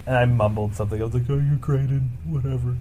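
A man in casual interview chat, an animated storyteller who laughs often and breaks into big mimicking voices. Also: mid-range voice, fast talker, a little hiss or hum. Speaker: animation filmmaker guest.

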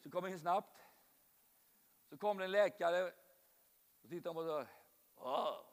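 A male preacher delivers a sermon in a high, bright-pitched voice, turning often to the congregation with questions. His voice rings with the long reverb of a large church hall. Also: vocal fry. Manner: storytelling, addresses congregation directly.

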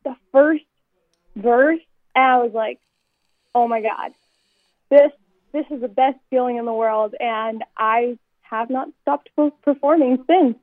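A singer in her twenties calls in to a radio interview over a tinny phone line, chatting upbeat and telling stories. Her voice is fairly high, her pace measured with frequent pauses, and there's no room sound.

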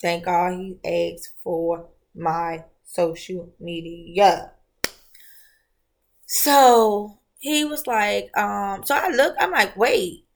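A woman's voice: mid-range voice, drawn-out words. A woman podcast host, telling a personal story in a casual monologue and acting out the voices she quotes. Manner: animated, expressive storyteller who acts out quoted voices.

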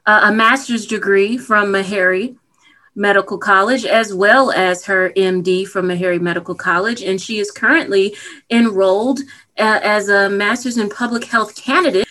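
A woman's voice: medium pitch, sharp tone. A woman hosting a podcast interview, chatty and playful, laughing often. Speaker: podcast host. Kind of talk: casual interview chat.

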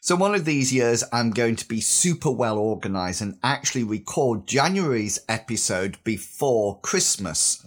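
Lively, slightly husky British man podcasting. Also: medium pitch. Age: 50s. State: recovering from a sore throat and cough. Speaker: podcast host. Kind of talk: scripted podcast talk.

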